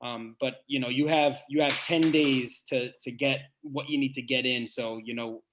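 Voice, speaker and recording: With background noise around him, a head basketball coach with a big voice earnestly answers podcast questions, thinking aloud and pausing to restart. He keeps a medium pitch and a steady tone.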